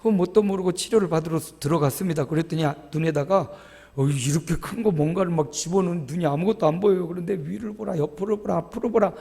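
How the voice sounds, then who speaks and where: Male pastor, high pitch, lively storytelling sermon, long church echo. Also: fast, gravelly, breathy edge. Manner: animated storytelling, acts out groans and quotes. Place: church sanctuary.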